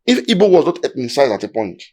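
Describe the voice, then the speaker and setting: Very animated and fast, with a warm tone at medium pitch, a Nigerian-accented man lectures emphatically on history during a discussion. He builds his case one step at a time.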